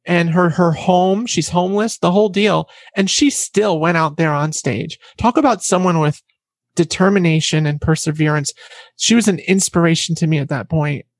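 A woman guest telling a personal story in an interview, animated and acting out what other people said. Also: on the low side, no echo.

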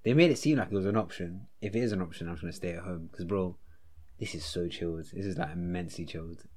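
Young adult male, London roadman accent, lowish pitch. Laid-back, slangy banter between friends. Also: fast talker, a little mellow. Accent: London, roadman slang style.

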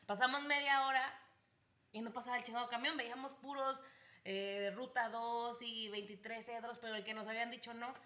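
A young Mexican woman telling a story in casual chat, animated, laughing and acting out what people said. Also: on the high side, a little fast. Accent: Mexican Spanish.

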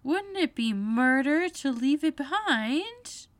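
Alice, a high-pitched prim little girl. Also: expressive, slow pace, fairly bright tone, dry recording, exaggerated voice. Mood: prim, earnest. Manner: prim, earnest, questioning. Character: Alice, earnest prim inquisitive young English girl. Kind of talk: storybook character reading.

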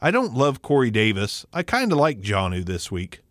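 A man's voice: medium pitch, huge pitch swings, normal speed, no room sound, clean studio sound. A man co-hosting a casual fantasy football podcast from home over a remote call, joking and blunt, with a voice that carries. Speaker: podcast co-host. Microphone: remote call mic.

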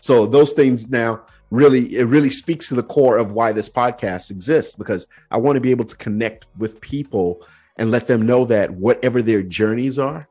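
A young man hosting a podcast, telling stories in a relaxed, chatty way full of "like" fillers. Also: mid-range voice, moderate pace, slightly rough. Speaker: podcast host. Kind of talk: casual conversational storytelling.

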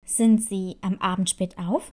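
A woman voicing a calm, middle-aged female school nurse who questions a child gently, in a storybook tale. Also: medium pitch, measured pace, pitched below the performer's own voice, lightly acted. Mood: gently probing.

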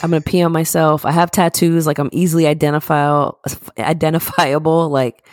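A woman's voice: low voice, level tone, brisk, a little mellow, no echo, studio quality. A young woman co-hosting a podcast, chatting casually and rambling through a story with loose, profane asides. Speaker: podcast co-host. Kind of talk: casual chat.

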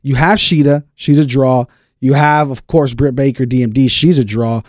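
A man's voice: mid-range voice, fairly even intonation, normal speed, dry recording, studio quality. A man co-hosting a podcast, talking casually as a sports commentator would among friends. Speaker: podcast co-host. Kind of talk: casual wrestling talk.

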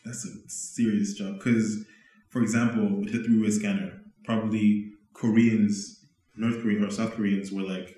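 A young man from Zambia talks through a casual interview in a low, laid-back voice. His talk is loose and slangy, and he laughs easily. The sound is strongly echoey, as in a bare room. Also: flat delivery, moderate pace, warm tone. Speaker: guest, rapper. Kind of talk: casual conversation.

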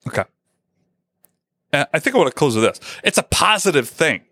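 A male podcast host talking candidly, with a lively voice that swings up and down a lot. His self-deprecating, chatty manner comes through a dry, close mic. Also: a little high, brisk, breathy edge, no echo. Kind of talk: casual podcast chat.

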